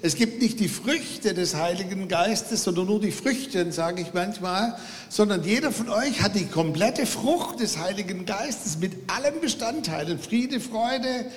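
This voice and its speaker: A man's voice: high-pitched, lively intonation, measured pace. A man preaching a sermon to his congregation, telling a story animatedly and acting out the quotes. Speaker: pastor. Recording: long hall reverb.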